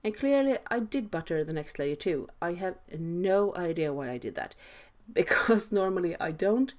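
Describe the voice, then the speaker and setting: A woman's voice: on the low side, animated, moderate pace. A woman with a Swedish accent giving a casual cooking tutorial voice-over with dry, self-deprecating humour. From Sweden. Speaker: home cook, host.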